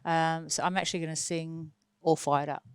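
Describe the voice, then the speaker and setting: Guesting on a radio talk show in a studio, an Australian singer and actress talks chattily and enthusiastically, using lots of fillers in a casual interview. Her low-pitched voice is clear and resonant with a level tone and moderate pace, recorded at studio quality with no echo.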